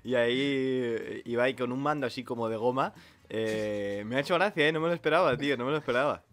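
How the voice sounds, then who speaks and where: A man from Spain, co-hosting a relaxed, slangy reaction chat. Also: medium pitch, brisk, no echo. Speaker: co-host.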